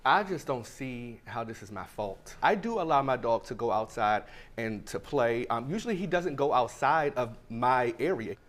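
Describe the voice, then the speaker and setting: A man's voice: medium pitch, expressive, normal speed, few pauses, a bit bright. A man speaking as defendant on a TV court show, defending himself in a casual, defensive way. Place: TV courtroom set.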